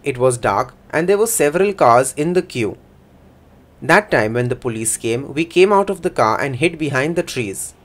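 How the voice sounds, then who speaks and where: A man delivers a first-person voice-over interpretation at a middle pitch. He speaks plainly, evenly, and with measure, telling the account in short statements.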